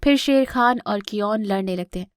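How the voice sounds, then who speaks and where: A woman narrating a scripted children's cartoon story in a clear, expressive storytelling voice. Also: medium pitch, normal speed, dry recording, studio quality.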